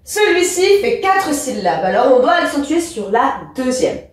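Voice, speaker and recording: A woman's voice: high-pitched, sing-song, a little slow, distant mic. A woman teaching an English lesson, explaining rules to a pupil and stressing the example words, speaking directly to the listener. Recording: echoey room, a bit off-mic.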